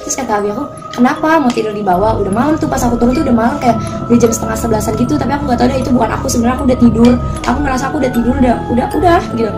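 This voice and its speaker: A teenage girl vlogger casually telling a story, chatty and animated, quoting other people as she goes. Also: fairly high pitch, racing, over loud music. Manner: chatty, animated retelling with quoted voices.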